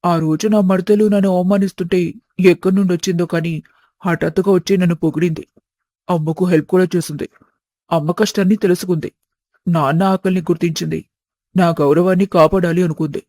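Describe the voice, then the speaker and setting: A woman putting on a grown son's voice in a storybook tale: pushed down low, with an altered, strained timbre. He talks loud and exasperated, and everything is recorded dry and close. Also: fairly even intonation, brisk, no echo, lightly acted. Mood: musing. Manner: exasperated, argumentative. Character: grown man, eldest son, easily riled. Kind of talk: storybook voice acting.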